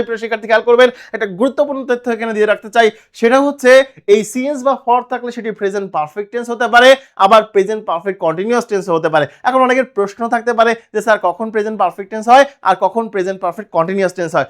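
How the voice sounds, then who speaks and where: A man teaching a grammar lesson, explaining slowly and asking his students questions. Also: high-pitched.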